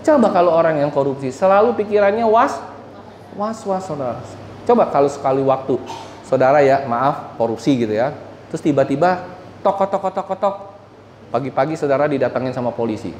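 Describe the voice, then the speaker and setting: A man's voice: medium pitch, darkish tone. Male pastor, sermon, jokey, quizzes the crowd, echoey church hall, faint background noise. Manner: jokey, questions the congregation.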